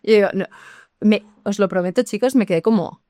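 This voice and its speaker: Lively woman explaining. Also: mid-range voice, fairly quick, dry recording, clean studio sound. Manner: lively, explanatory, addresses listeners directly. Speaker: English teacher. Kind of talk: podcast conversation.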